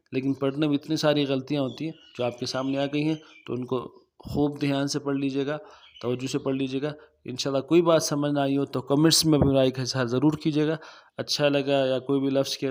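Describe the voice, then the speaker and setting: A male Quran teacher from Pakistan with a Pakistani Urdu accent, chanting verses slowly and melodically, then quickly explaining pronunciation errors. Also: medium pitch. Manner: alternates slow melodic recitation with quick spoken explanations. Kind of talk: tajweed lesson, chanted recitation with spoken corrections.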